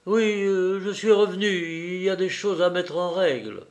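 A man's voice: high-pitched, moderate pace, voice pushed up. A man reading aloud and voicing a blustering policeman who stammers and sputters when flustered. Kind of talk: audiobook reading.

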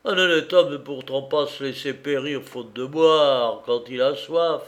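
A man voicing a loud, tipsy male reveler who declaims boisterously, slowly and with raised pitch. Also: close to an everyday voice. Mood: drunken bluster. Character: loud drunken male reveler hunting his glass.

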